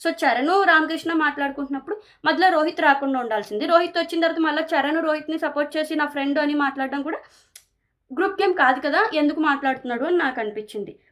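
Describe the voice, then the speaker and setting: Woman, chatty show reviewer, rapid delivery, animated retelling. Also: high voice. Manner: animated retelling, quoting contestants' lines. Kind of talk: casual episode review.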